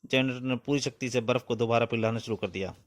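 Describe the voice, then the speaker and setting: A man's voice: mid-range voice, fast. A man narrating a comic book story aloud in a vivid, dramatic reading style, speaking sound-effect words as he goes.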